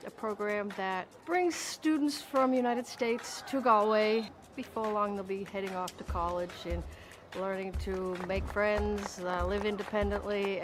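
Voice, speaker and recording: A woman with a mid-range voice calmly explains a program in a promotional video, with faint music behind her. Her delivery is plain and informative. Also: mid-range voice. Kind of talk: promotional interview.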